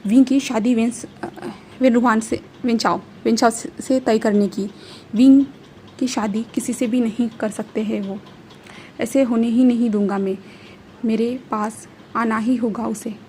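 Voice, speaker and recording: Brief: woman voicing a possessive, hot-tempered young man, mellow tone, fan story reading. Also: fairly high pitch, steady tone, measured pace, a little hiss or hum, natural voice. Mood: angry. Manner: shouting, then confused self-questioning.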